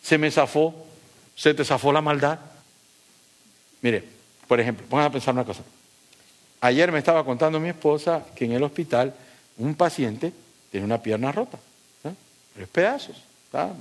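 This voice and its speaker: A middle-aged man preaching a sermon, emphatic, asking the congregation rhetorical questions and dropping from loud high points to low asides. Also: normal speed, long pauses. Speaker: pastor.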